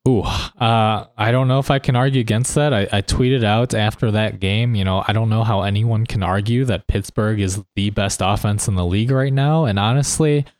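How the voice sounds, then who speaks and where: On a close mic, this male co-host chats about fantasy football in a casual, slightly hesitant way. His voice is on the low side with a darkish tone, moving at normal speed with hardly any pauses and no echo.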